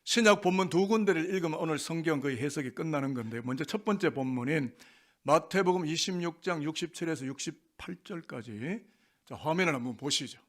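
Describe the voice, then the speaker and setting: A man's voice: a little high, a little fast. A man preaching a Sunday sermon as pastor, asking the congregation rhetorical questions. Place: church sanctuary.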